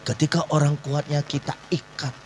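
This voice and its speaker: A man preaching a sermon at a church service. He moves between quiet asides and shouted climaxes, slips in English phrases and keeps asking the congregation to agree. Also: on the high side, fairly even intonation, normal speed, slight background noise. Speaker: pastor.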